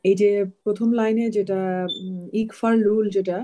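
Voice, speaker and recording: A student asks the teacher about a rule with some hesitation, humming between phrases. The voice is mellow and sounds distant over the call. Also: medium pitch, little pitch movement, slight background noise. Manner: hesitant, fills pauses with hums. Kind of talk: asking questions in an online class.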